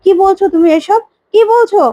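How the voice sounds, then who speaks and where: A grieving young widow, defiant and quick to anger, as a woman storyteller puts her on. She sounds agitated and accusing, high-pitched and dry. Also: mellow, dry recording. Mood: startled.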